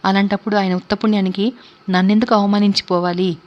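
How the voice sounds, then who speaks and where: A woman voicing a hurt, reserved young woman who speaks quietly and with restraint, in a storybook reading. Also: mid-range voice, flat delivery, fast, lightly acted. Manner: quiet, subdued. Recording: dull lo-fi recording.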